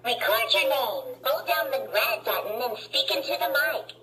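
A performer voicing a cheerful cartoon robot game toy that reads out slow, bouncy game prompts, played back from a toy speaker. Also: medium pitch, a crowd in the background, natural voice. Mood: chirpy. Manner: slow, bouncy announcer delivery.

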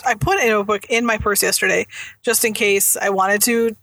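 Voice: mid-range voice, steady tone, a little fast, gravelly, pushed and bright, dry recording. A tired podcast co-host chatting casually from inside a car, rambling and correcting themselves. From Minnesota. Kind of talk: casual chat.

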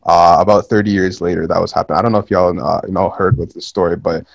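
Young man, podcast co-host, casual chat. Low voice, dry close sound, hesitant delivery full of "uh"s. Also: fairly even intonation, quick pace, gravelly, no echo. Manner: hesitant, many "uh"s, apologetic interjections.

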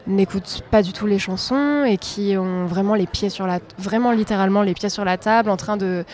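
A woman's voice: medium pitch, fairly quick, a little mellow. A young woman from south-east France, a singer-songwriter, answering interview questions in a conversational way.

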